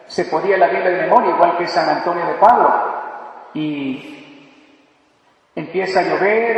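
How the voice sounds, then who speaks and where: A man preaches in a fairly high voice, telling stories with animation and acting out the voices of the people in them. He is picked up from a distance in a large, reverberant hall. The recording is dull and lo-fi. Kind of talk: sermon.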